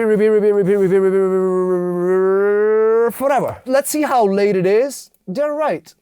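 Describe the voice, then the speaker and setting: A man's voice: high voice, mellow, clear, resonant tone, no room sound. A man explaining step by step as a music producer in a studio tutorial, sometimes mouthing drum rhythms aloud. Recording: drum machine and synths playing under voice.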